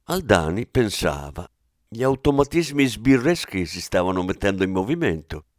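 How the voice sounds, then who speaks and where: A man narrating a crime audiobook in a steady, measured reading. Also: fairly low pitch, no echo, clean studio sound.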